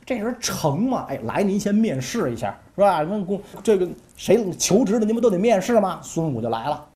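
A woman's voice: mid-range voice, very animated, a little fast, mellow. A woman telling ancient history in a jokey, chatty way with asides to listeners. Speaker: storyteller. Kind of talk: colloquial history storytelling.

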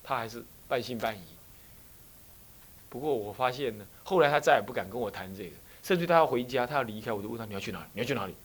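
A man's voice: mid-range voice, fast talker. A man with a Taiwanese Mandarin accent, a Buddhist abbot giving a dharma talk full of stories and rhetorical questions. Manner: animated storyteller, frequent rhetorical questions.

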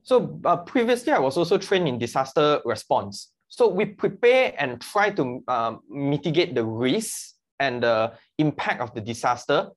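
A man's voice: fairly high pitch, very animated, normal speed, hardly any pauses. A man speaking as a guest about his work as a mission mobilizer, earnest and explaining with analogies. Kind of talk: conversational interview.

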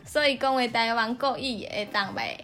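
A woman's voice: a little high, normal speed, fairly bright tone, faint music behind. A woman with a Taiwanese accent hosting a podcast in casual, playful, teasing chat. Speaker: podcast host.

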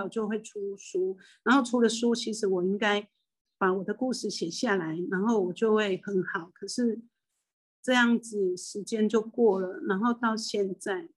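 A woman's voice: medium pitch, rough recording. An older woman from Taiwan, a spiritual medium and hypnotist, speaks with a Taiwanese Mandarin accent. She gives a rambling, emotional personal monologue full of restarts.

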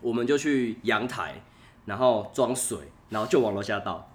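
A man's voice: mid-range voice, moderate pace. A young man with a Taiwanese Mandarin accent, a podcast guest telling funny stories in casual chat and laughing often.

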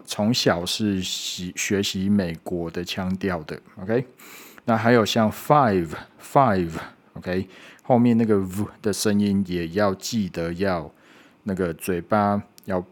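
A man with a fairly low voice teaches English pronunciation out loud. He is patient, demonstrating each sound slowly and repeating it several times, and he frequently checks in with a quick "OK".

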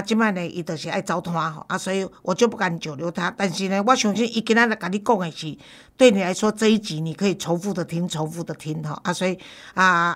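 A woman's voice: medium pitch, fairly bright tone. Colloquial Taiwanese woman hosting a show. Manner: colloquial, mixes Taiwanese Hokkien with Mandarin. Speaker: host. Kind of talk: casual interview hosting.

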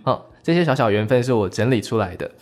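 Man, Taiwanese Mandarin accent, mid-pitched, chatty interview host, wordy, casual. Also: expressive, quick pace. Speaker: radio music show host.

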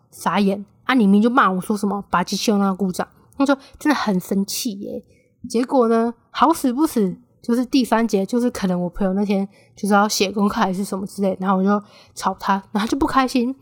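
She's a fast talker, a twenty-year-old with a Taiwanese Mandarin accent and a mid-range voice, casually hosting her solo podcast. Chatty by nature, she becomes animated quoting friends. The sound is clean and dry, studio quality.

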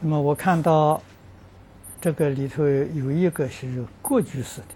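A man, a Buddhist teacher answering practitioners' questions, giving an unhurried dharma talk. He speaks earnestly and fills his pauses with drawn-out "ah" sounds. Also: fairly high pitch, warm tone, slightly rough. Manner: peppers speech with drawn-out "ah" fillers; earnest, stresses that the account is true.

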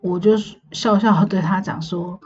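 A woman, casually telling a dream story on her podcast in a chatty, meandering way, often pausing to recall details. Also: fairly low pitch, steady tone, darkish tone, dull audio, a little hiss or hum. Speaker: podcast host.

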